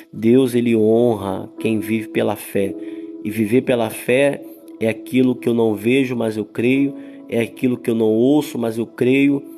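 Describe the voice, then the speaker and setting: A man's voice: medium pitch, vocal fry. A man with a Brazilian Portuguese accent, a pastor preaching emphatically on a live stream, calling listeners sister and brother, then leading a prayer. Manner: acts out quoted complainers in raised voice.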